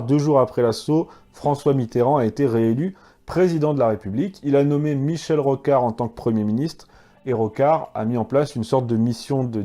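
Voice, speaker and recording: A man's voice: mid-range voice, mellow. A man hosting a history video in French, narrating with combative, sarcastic asides to the listener.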